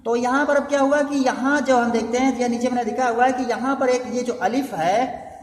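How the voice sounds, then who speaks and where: A man's voice: very high voice, steady tone, brisk, slight background noise. A man teaching a blackboard grammar lesson, patiently repeating each step and asking rhetorical questions as he goes. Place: classroom with a blackboard. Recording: echoey room with long reverb.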